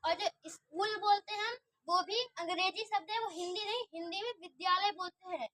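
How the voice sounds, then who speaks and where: A woman teacher with a very high, fairly bright voice gives an online grammar lesson at a normal speed. She asks questions and answers them herself, often checking that the class understands, and she tends to repeat herself and restart words as she explains.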